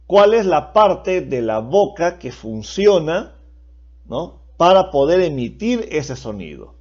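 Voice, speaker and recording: In a classroom lecture, a man teaches patiently and explains at length, often asking rhetorical questions and tagging his points with a checking "¿no?". His voice is on the high side with a darkish tone, and the recording is dull and lo-fi.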